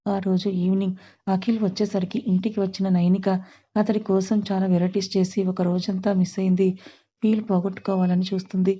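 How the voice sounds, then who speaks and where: A woman storyteller narrating a family drama in a plain, steady manner. Her voice is mellow with little pitch movement. The recording is slightly dull and lo-fi. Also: fairly quick.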